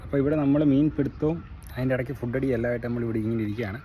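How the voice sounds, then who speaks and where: A man's voice: mid-range voice, fairly even intonation, rapid-fire, dark tone, a little hiss or hum, low-quality recording. A man with a Kerala Malayalam accent giving casual outdoor vlog commentary, mixing English words into his Malayalam. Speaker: fishing vlog host. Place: outdoors on a river.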